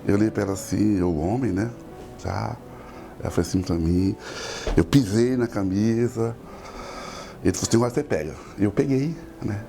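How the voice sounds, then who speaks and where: A man's voice: fairly low pitch, normal speed, creaky, pauses often, dark tone. A middle-aged man, a pastor, giving an emotional, tearful personal testimony.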